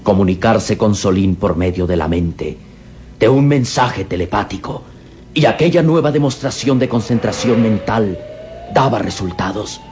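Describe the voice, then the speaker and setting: A man narrating a dramatic radio serial in a theatrical, suspenseful manner with deliberate pauses. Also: fairly low pitch, darkish tone, a little hiss or hum. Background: dramatic music.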